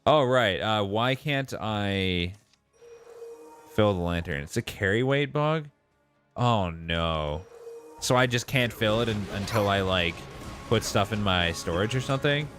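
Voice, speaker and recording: Male game streamer, low voice, casual commentary, talks to his viewers, light music behind. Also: expressive, unhurried, fairly bright tone. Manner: reads and answers viewers' messages aloud. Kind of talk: casual live gameplay commentary.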